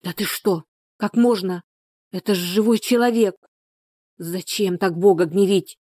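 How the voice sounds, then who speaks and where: A woman's voice: medium pitch, unhurried, warm tone, no room sound, clean studio sound, natural voice. A woman voicing a fussy village neighbor who acts as midwife, scolding and fussing in a folksy way. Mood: shocked pleading.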